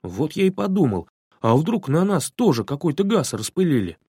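A timid, anxious schoolboy, as a male narrator puts him on, grumbling and hesitant. The voice stays fairly high for a man and swings in pitch. It sounds close and dry. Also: very animated, moderate pace, mellow, husky, no room sound, heavily acted. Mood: excited.

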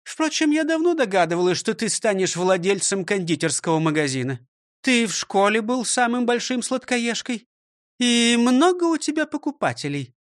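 A strict elderly schoolteacher scolds and barks out commands in a high, lively voice that leaps up and down, put on by a storybook reader. She drills her old pupil without mercy and keeps every word clipped and dry. The recording is close and dry. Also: moderate pace, no echo, close to an everyday voice. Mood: stern. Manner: scolding, commanding, counts out exercises. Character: strict elderly woman schoolteacher, stern and bossy. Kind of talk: audiobook reading.

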